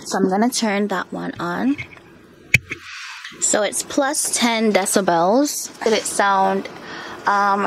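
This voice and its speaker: A woman's voice: mid-range voice, a little hiss or hum, rough recording. A woman vlogger talking casually at home while unboxing and testing a microphone, often asking viewers for feedback. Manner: chatty, filler-heavy, asks viewers for feedback. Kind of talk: casual unboxing and mic test. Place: indoor room with a fan. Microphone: camera mic and clip-on mic, changing distance.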